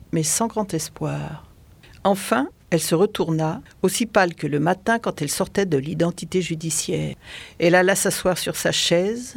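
A calm reader narrating a detective novel in an even, steady voice. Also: mid-range voice, creaky, dry recording. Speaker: audiobook reader. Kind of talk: literary narration. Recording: dry close recording.

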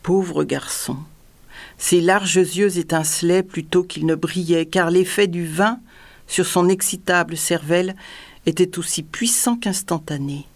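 A woman reads a dark tale aloud as an audiobook narrator. Her voice sits on the lower side, and she tells it in an even, dramatic manner. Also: measured pace. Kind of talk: scripted story narration.

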